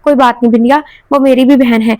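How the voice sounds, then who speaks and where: A woman voicing a timid, mistreated young heroine who speaks softly and hesitantly. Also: a little high, steady tone, fast talker, no room sound, lightly acted. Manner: soft, hesitant.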